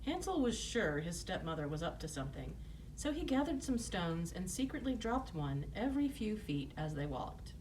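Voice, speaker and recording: A woman's voice: fairly low pitch, big pitch swings, normal speed, darkish tone, recorded from a distance, a little hiss or hum, low-quality recording. A woman storyteller narrating a children's fairy tale, in the manner of a fairy tale opening.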